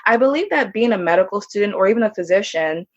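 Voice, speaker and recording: A young woman from Jamaica, a medical student guest, answering interview questions in a calm, measured way. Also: medium pitch. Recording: dull lo-fi remote audio.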